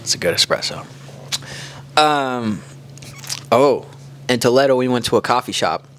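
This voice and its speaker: A man's voice: mid-range voice, a little slow, slight background noise. A man from the Kansas City area co-hosting a podcast, chatting casually and telling stories in a loose, rambling way. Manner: relaxed storytelling, loose with "like". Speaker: podcast co-host. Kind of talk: casual chat.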